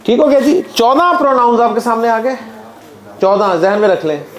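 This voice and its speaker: A man's voice: extremely high pitch, expressive, normal speed. A man teaching Arabic grammar in a classroom, chanting word lists in a sing-song drill and explaining to his students.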